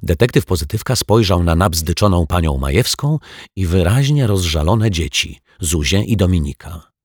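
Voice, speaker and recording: A man narrating a children's audiobook in a playful storytelling manner, dropping to soft tones for suspense. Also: low-pitched, expressive, moderate pace, breathy edge, dry recording, clean studio sound.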